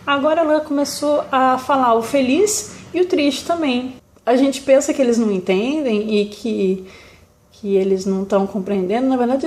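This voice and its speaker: A young woman with a Brazilian accent talks through her parenting experience in a gentle, reflective way. Her voice sits a little high. She often pauses with fillers and restarts. The sound carries a noticeable room echo. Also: slight background noise. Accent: Brazilian Portuguese. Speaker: mother sharing parenting advice. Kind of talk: casual talk to camera. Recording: echoey room.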